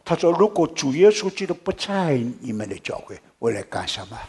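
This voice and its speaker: A man preaching a sermon and telling a story to his congregation, jumping from loud exclamations to hushed whispers and mixing English words into his preaching. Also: on the high side, very animated, brisk. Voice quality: very husky.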